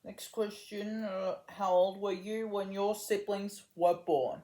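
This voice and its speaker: A woman's voice: mid-range voice, steady tone, slow pace, dark tone. A woman hosting a talk show interview, asking her questions hesitantly with many ums and uhs. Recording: echoey room.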